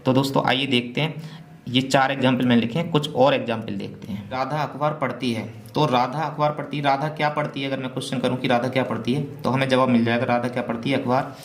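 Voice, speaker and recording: A man's voice: medium pitch, fairly even intonation, quick pace. A man teaching a Hindi grammar revision class, asking questions and answering them himself. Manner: asks and answers his own questions. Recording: echoey room with faint hum.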